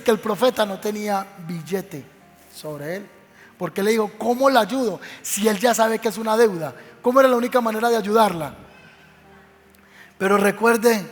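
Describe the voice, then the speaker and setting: Man preaching, Medellín accent, high voice, storytelling, long church-hall reverb. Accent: Colombian Spanish, Medellín. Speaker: pastor. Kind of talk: sermon.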